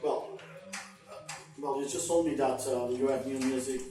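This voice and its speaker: A male podcast host chatting with a guest in a casual interview. He rambles and keeps circling back to reword his questions. He sounds set back from the mic in an echoey room, with music playing clearly behind him. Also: medium pitch, steady tone, normal speed, recorded from a distance.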